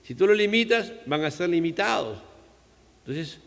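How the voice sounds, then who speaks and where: Peruvian pastor preaching in a reverberant church. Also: male voice, high-pitched, animated, normal speed, creaky, a bit bright. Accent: Peruvian Spanish. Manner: conversational preaching, frequent "¿no?" asides. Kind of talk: sermon. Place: church hall.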